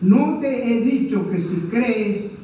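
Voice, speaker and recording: A man's voice: very high-pitched, expressive, slow pace, warm tone, recorded from a distance. A male pastor preaching a sermon, earnest and conversational, often checking in with his congregation. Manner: earnest, repeats "¿verdad?" to the congregation. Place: church hall. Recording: echoey church room heard from afar.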